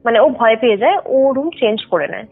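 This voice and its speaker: Fairly high-pitched, expressive and a little fast, this young woman's gravelly, slightly rough voice comes over a phone line as she casually relates her own ghost story. She explains details, slips in English words and often adds check-in tags, with music beneath the tinny call.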